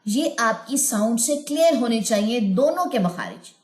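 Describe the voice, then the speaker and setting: A woman teaching Quran recitation in a recorded online lesson, patiently explaining sounds and chanting verses slowly and melodically. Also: a little high, animated, echoey room.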